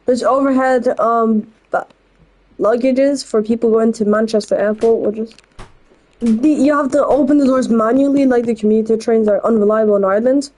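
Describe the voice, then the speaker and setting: A woman's voice: on the high side, mellow, rough recording. Rambling, opinionated woman narrating gameplay. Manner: rambling, blunt and opinionated, quick asides. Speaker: gameplay channel host. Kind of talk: casual gameplay commentary.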